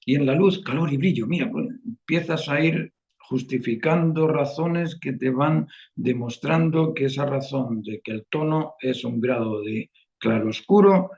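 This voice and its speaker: A man's voice: medium pitch, measured pace, vocal fry, a little mellow, dull audio. A man from Spain with a Spanish accent, teaching a one-on-one online painting class and often checking in with "eh?" as he explains. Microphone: video call.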